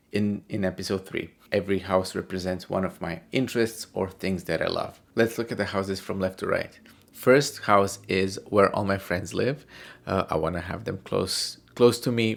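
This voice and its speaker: A man's voice: low-pitched, vocal fry. A man from Croatia narrating his art vlog in a casual, candid, self-reflective way while he draws. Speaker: art vlogger.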